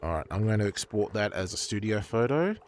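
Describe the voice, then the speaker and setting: A man streaming casual chat while painting, swearing freely and prone to excited outbursts. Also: fairly low pitch, a little fast, a little hiss or hum.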